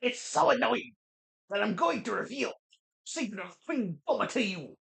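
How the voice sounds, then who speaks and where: A sneaky, whiny bug-loving boy villain, nasal and sneering, with a gravelly rasp under a sharp, bright tone, as a gamer puts him on. The voice leaps up and down as each game line is hammed up with theatrical glee. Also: mid-range voice, very animated, normal speed, full character voice. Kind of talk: let's play commentary.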